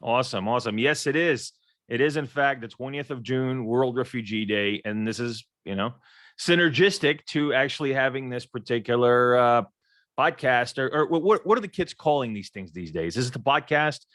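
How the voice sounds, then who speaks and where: A man's voice: mid-range voice, animated, moderate pace, a bit bright, no room sound. Stammering, joking man moderating. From Ukraine. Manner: stammering, joking, many repeated words. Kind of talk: casual panel chat.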